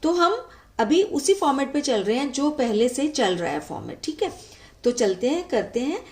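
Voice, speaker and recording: A woman's voice: high voice, sing-song, normal speed, darkish tone. A woman teacher patiently explaining a letter format step by step, often checking in with the listener. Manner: patient, frequent "ठीक है" check-ins.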